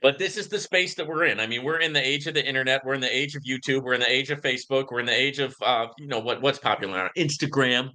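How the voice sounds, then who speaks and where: This man hosts a live question-and-answer stream and rants in a preachy, emphatic way, frequently using "right?" and "man." He talks fast with few pauses, in a medium-pitched voice that is bright and forceful.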